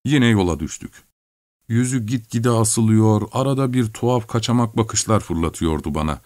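A male audiobook narrator with a lowish voice reads in scripted, measured narration. The recording is dry and close, with no room sound around him. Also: a little mellow, no room sound.

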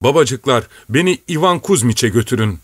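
A man's voice: mid-range voice, lively intonation, moderate pace, breathy edge, no echo, studio quality. A man reading aloud voices a distraught older woman pleading and wailing over her husband.

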